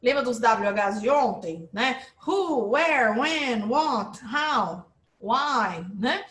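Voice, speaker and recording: A woman teaching a live online English lesson, explaining with lively emphasis and checking in with her viewers. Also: fairly high pitch, very slow, reverberant.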